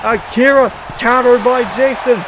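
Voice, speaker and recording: Male wrestling commentator, very high pitch, dramatic shouted calls delivered in drawn-out, unhurried phrases over crowd noise. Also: steady tone. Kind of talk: excited play-by-play wrestling commentary. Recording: music and crowd noise behind.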